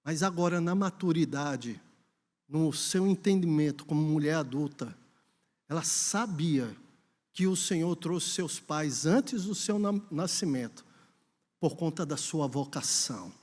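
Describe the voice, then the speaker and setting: A man's voice: on the high side, a little slow, a little mellow. A Brazilian man preaching a sermon at a church conference, telling a story and then urging the congregation on with emphasis. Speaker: pastor. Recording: long hall reverb.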